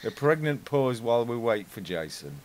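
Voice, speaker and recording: A man's voice: medium pitch, sing-song, normal speed, a little hiss or hum. A British man hosting a casual, blunt chat. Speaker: host.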